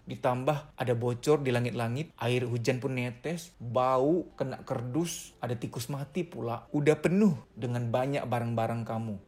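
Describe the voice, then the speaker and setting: A man giving a casual psychology lecture, speaking in an animated, emphatic way with playful exaggeration and colloquial phrasing. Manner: colloquial, lively pitch swings.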